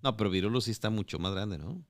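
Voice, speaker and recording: A man with a Mexican accent hosting a casual interview, relaxed and full of slang. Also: on the low side, fast talker, no room sound, clean studio sound. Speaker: podcast host.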